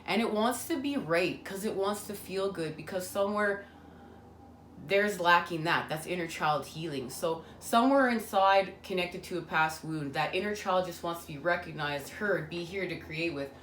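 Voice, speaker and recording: A woman with a fairly low, slightly bright voice reads tarot at a normal speed. Her spiritual reading comes across as sincere and rambling, full of fillers. The recording carries echo and faint ambient noise.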